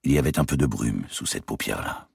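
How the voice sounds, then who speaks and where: A man narrating a historical novel in a steady, measured reading. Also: extremely low pitch, vocal fry, slightly rough, dry recording, studio quality. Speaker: audiobook reader.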